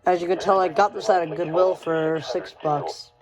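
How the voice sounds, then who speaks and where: Showing off her radio collection in an unscripted, casual way, a woman rambles and repeats phrases often. She speaks at normal speed with a fairly low pitch and fairly even intonation, and crowd noise can be heard.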